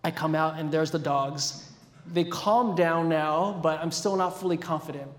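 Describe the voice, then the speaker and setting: A high-voiced man preaches a sermon and tells a personal story with animated, self-deprecating humor. His voice rings through a large hall with long, echoing reverb. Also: normal speed. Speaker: pastor.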